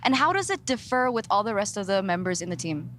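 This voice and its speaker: A woman's voice: medium pitch, sing-song, fast, fairly bright tone, slight background noise. A woman conducting a live backstage esports interview, asking direct, teasing questions.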